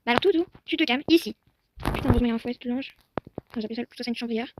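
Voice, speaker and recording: A woman's voice: on the high side, very fast, noisy background. A young woman commenting on a horse-riding game while coaxing and calling her horse. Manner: soothing horse-talk, swinging to panicked shouting. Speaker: Roblox horse-riding roleplay streamer. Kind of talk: casual gameplay commentary talking to her virtual horse.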